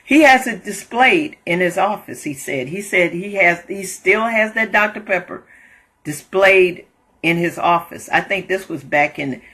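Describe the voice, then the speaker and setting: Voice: mid-range voice, expressive, a little slow, a bit bright. A host telling a story in a casual monologue, laughing often and repeating phrases as they go. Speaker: host sharing inspirational thoughts.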